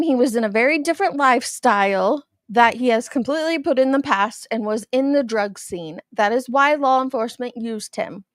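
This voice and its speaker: A woman's voice: fairly high pitch, no room sound, studio quality. A woman with a lisp and whistling s, hosting a casual livestream commentary in a blunt, skeptical manner. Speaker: host.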